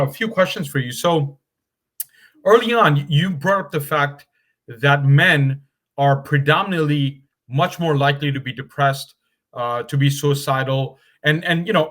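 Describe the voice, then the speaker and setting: Halting male host asking questions. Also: on the high side, a bit bright. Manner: halting, many fillers. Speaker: event host. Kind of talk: hosting a Q&A.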